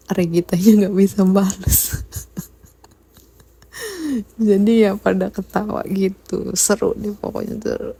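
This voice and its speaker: A young woman from Indonesia narrating a casual vlog, soft-spoken and given to small laughs. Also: mid-range voice, vocal fry, husky. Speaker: vlogger.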